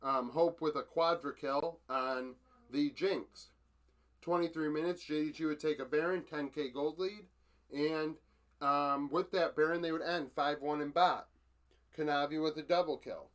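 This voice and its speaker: A man's voice: on the high side, steady tone, unhurried, a bit bright. A man giving a casual recap of esports matches from his notes, matter-of-fact, with frequent fillers and self-corrections.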